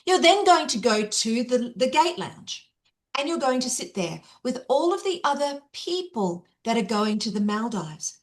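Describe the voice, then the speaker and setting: Lively woman keynote speaker. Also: a little high, unhurried. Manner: chatty, upbeat, addresses the audience directly. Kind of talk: interactive online workshop presentation. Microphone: video call.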